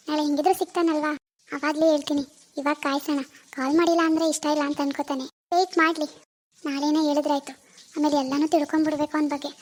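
A woman's voice: high-pitched, darkish tone, lightly acted. A woman playing a fretful lovestruck college girl. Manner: fretful muttering to herself. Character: lovestruck young female college student. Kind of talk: village family drama.

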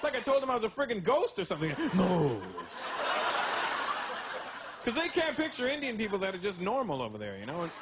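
A male stand-up comedian telling animated stories with many asides to the audience. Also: high-pitched, racing, few pauses, heavy background noise. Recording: live comedy show, loud crowd laughter.

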